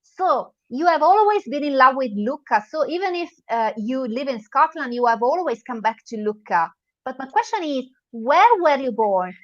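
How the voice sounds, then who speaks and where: A woman's voice: sits high, big pitch swings, moderate pace, no echo. A woman whose first language is Italian, hosting a live video call in simple, broken English and asking the questions. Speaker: host. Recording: dry, dull video call audio.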